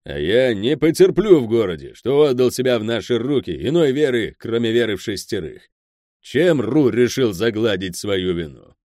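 A man voicing an old, stern crime boss who speaks slowly and curtly, grumbling his orders. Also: low voice, sing-song, darkish tone, dry recording, clean studio sound, full character voice. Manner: slow, curt, grumbling.

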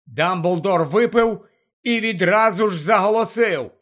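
A man narrating a fantasy audiobook with tense, urgent storytelling. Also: unhurried. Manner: tense, urgent storytelling that drops low and quiet for dark moments.

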